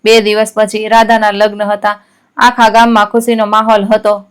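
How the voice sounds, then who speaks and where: A woman narrating a scripted story in a steady, measured reading. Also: medium pitch, clear, resonant tone.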